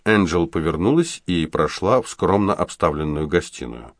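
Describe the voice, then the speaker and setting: A man narrating an audiobook in a steady, even reading voice. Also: sits low, moderate pace, no echo, studio quality.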